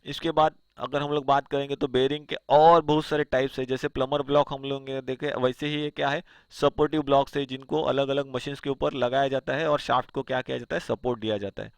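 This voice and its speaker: A man's voice: medium pitch, little pitch movement, fairly quick, vocal fry, few pauses, no echo. A man teaching engineering, asking himself rhetorical questions and answering them as he walks through slides. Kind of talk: explanatory lecture over slides.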